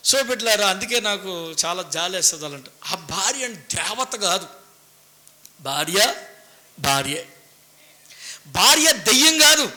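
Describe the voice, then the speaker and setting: A male preacher with a lilt delivers a sermon in a high, cutting, very bright voice. He hammers his points with repeated phrases. Then he drops into hushed asides before rising again. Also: sing-song, a little slow, pauses often. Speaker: pastor.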